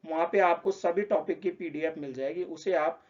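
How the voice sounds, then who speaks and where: A man's voice: a little high, moderate pace, darkish tone, dull audio. A man explaining a lesson, patiently repeating example words. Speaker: teacher.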